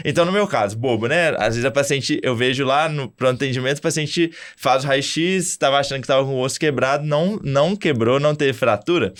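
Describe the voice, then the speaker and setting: Man, young adult, Brazilian Portuguese accent, podcast host, animated storytelling, medium pitch. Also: brisk, few pauses. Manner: animated storytelling, with many restarts. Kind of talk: casual podcast chat.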